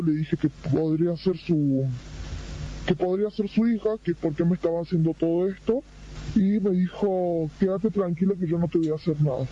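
A young woman, giving recorded testimony through a voice changer in a plain, halting first-person account. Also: lowish voice. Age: 20s. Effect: voice disguised by a voice changer. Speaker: interviewed witness. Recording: muffled lo-fi clip with faint noise.

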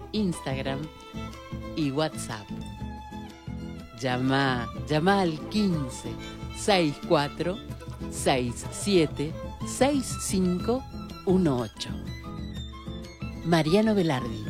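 A woman radio announcer with a very deep voice reads station IDs and ads. Her delivery is slow and emphatic, with lively pitch swings. Fiddle music plays clearly behind her.

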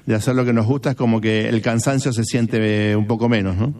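A man's voice: on the low side, steady tone, a little fast, darkish tone, distant mic. An Argentine man hosting a radio interview, talking conversationally with hesitant restarts. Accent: Argentine Spanish. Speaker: radio host.

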